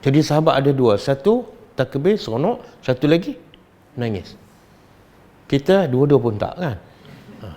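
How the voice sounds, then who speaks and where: A middle-aged man with a Malaysian Malay accent, giving a religious study lecture and questioning his audience in an animated, teasing way. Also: mid-range voice, moderate pace, pauses often. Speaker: religious teacher.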